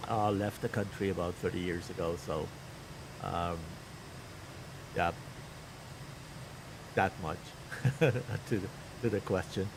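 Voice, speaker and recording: A man's voice: low voice, takes it slowly, pauses often, background noise. A middle-aged man from Iran, unhurriedly thinking aloud as he commentates a live flight-sim tournament from home. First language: Persian. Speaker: stream commentator.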